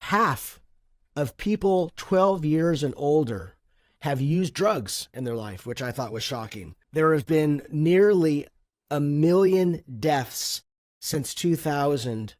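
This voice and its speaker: A man's voice: fairly high pitch, animated, takes it slowly, dry recording. Earnest male podcast host, dry sound. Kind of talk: scripted podcast introduction.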